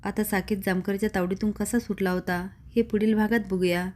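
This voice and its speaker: A woman's voice: medium pitch, fairly even intonation, fairly quick, a little mellow. A woman retelling a TV serial episode as a story, voicing every character's lines herself. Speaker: narrator recapping a TV serial episode. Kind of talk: dramatic episode recap narration.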